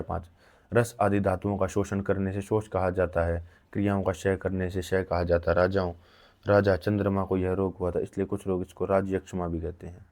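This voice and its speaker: A man reading an old medical text aloud in a slow recitation, with frequent halts and restarts. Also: low voice, a little mellow. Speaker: reader of an ancient medical text.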